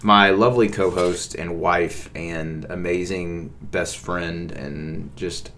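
Deep-voiced man, casual podcast co-host, chatty and repetitive. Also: steady tone, slow, a bit bright, a little hiss or hum. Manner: rambling, repeats words, many fillers. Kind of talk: casual couple's podcast chat.

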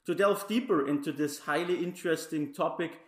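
A man hosting a podcast, reading a formal, measured introduction. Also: fairly high pitch. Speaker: podcast host. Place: Brussels. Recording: roomy echo.

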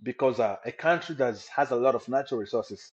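A man's voice: mid-range voice, brisk. A young man from the Democratic Republic of the Congo, a podcast guest telling his personal story with energy and enthusiasm. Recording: slightly dull lo-fi audio.

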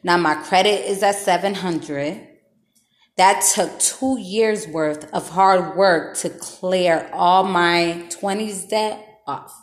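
A woman's voice: fairly low pitch, slow. Woman host, thirties, candid and slangy, echoey room. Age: 30s. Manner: candid, slangy, laughs often. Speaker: podcast host. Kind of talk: casual chat.

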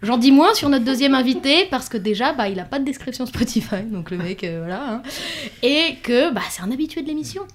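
A woman's voice: high-pitched, lively intonation, fairly quick. A woman hosting a podcast, playful and lyrical, poking fun at herself. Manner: playful, lyrical, self-mocking. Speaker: podcast host. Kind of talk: podcast intro and casual chat.

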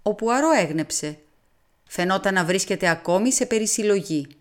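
A woman narrating an audiobook in a calm, even storytelling manner. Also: medium pitch. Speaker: audiobook reader. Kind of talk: scripted narration.

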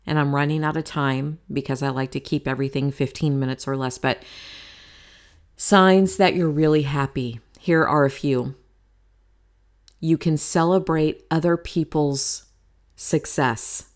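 A woman's voice: sits low, steady tone, a little slow. A woman in her forties hosting her own podcast, talking candidly and chattily about happiness in a motivational tone, with some casual swearing. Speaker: podcast host. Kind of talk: solo podcast monologue.

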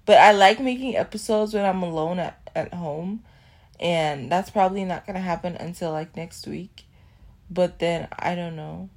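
A young woman hosting her own podcast, rambling and self-deprecating in a casual solo chat, often laughing and trailing off. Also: medium pitch. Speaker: podcast host. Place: at home.

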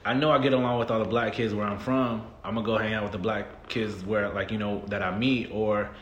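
A low-voiced man in his thirties from the Southern United States talks fairly quickly and candidly as a podcast guest in a casual interview, often saying "um" and "you know what I mean." The recording is echoey with faint noise, and the high frequencies are cut off.

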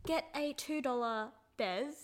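A woman with a fairly high voice chatting casually as co-host. Her dry, deadpan delivery makes her sound sarcastic even when she means what she says. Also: unhurried. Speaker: podcast co-host. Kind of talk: casual chat.

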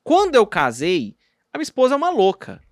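A Brazilian man chats on a podcast with a slightly high voice that swings between loud bursts and low mutters. His talk rambles, full of slang and restarts. The sound is close and dry. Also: wildly swooping pitch, brisk, dry recording. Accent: Brazilian Portuguese. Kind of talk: casual podcast chat.

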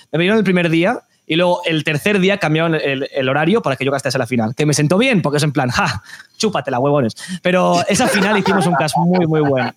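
A man's voice: a little high, dry recording. A man from Spain with a Spanish accent, an esports caster chatting casually and animatedly, with many restarts. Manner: animated, opinionated, frequent restarts. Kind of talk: casual podcast chat.

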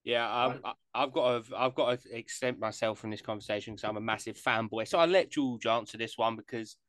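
A man's voice: medium pitch, fairly quick, fairly bright tone, no room sound. A man hosting a casual podcast chat, jokey and rambling. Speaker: podcast host.

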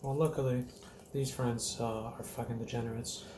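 A man's voice: medium pitch, fairly even intonation, moderate pace, a little mellow. Man, laid-back, joking, swears, roomy echo, faint hiss. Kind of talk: casual chat.

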